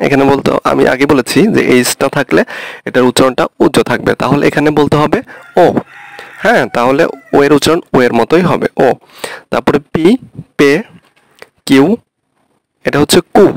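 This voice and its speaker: Gravelly-voiced man teaching patiently. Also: fairly high pitch, no room sound. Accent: Bangladeshi Bengali. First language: Bengali. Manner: patient, repeats each point with frequent check-ins. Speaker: language teacher. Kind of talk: explaining a lesson.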